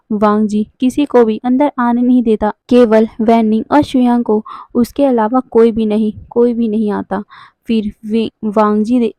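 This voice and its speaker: A woman's voice: on the high side, mellow, dry recording. A young woman retelling a story in a casual, conversational way, often correcting herself mid-sentence. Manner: conversational, with frequent self-corrections.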